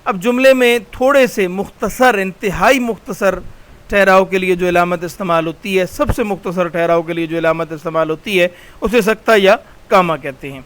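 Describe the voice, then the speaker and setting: A male college lecturer explaining grammar over slides in a patient, explanatory way, slowing down and repeating key terms. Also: sits high, a bit bright, poor audio.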